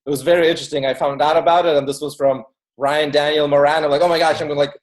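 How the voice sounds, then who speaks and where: Racing through his words with a fairly high, level voice, a man who was born in Ukraine and moved to the US at age eight tells stories as an interview guest. His talk is casual and informal, packed with fillers and frequent "like."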